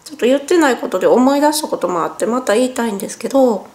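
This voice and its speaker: A woman's voice: fairly high pitch, animated, racing, darkish tone. A woman, chatting casually in a home vlog, her speech a little sluggish and strained after nose surgery as she corrects herself along the way. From Japan. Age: 40s. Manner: chatty, self-correcting, talks while wincing in pain. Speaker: vlogger. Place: at home, indoors.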